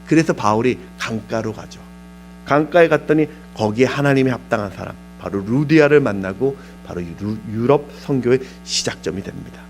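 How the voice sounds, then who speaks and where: A man preaching a sermon as pastor at a church service, speaking with passion and building to loud peaks. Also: mid-range voice, animated, moderate pace, soft background music, rough recording.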